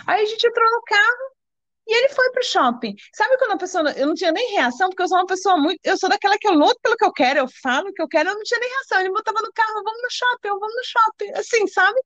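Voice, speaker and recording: A woman's voice: very high voice, animated, rapid-fire, fairly bright tone, no echo. A Brazilian woman, an interview guest, telling a personal story with many restarts and acted-out quotes. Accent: Brazilian Portuguese. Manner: breathless, restarts sentences, acts out quoted dialogue. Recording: dull lo-fi sound.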